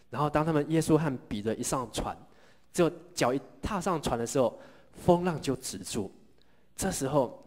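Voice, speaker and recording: A middle-aged man preaching a sermon. He tells the story in a lively way, asks the congregation questions and has them repeat lines back. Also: mid-range voice. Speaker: pastor.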